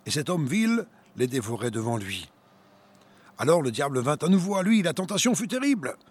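A man's voice: a little high, very animated, normal speed, slightly rough. A man preaching and reading a testimony aloud with earnest, dramatic storytelling.

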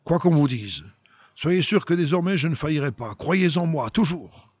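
A man's voice: a little high, expressive, normal speed, breathy edge, dry recording, lo-fi sound. A man voicing a remorseful young male soldier with a criminal past, in a pleading, broken voice. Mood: earnest.

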